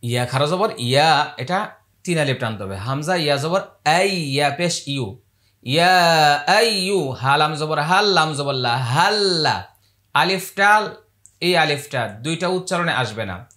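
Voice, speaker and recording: A man teaching Quran recitation, his voice high and bright. He chants verses in long, drawn-out tones and then explains each rule in quick spoken asides. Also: lively intonation.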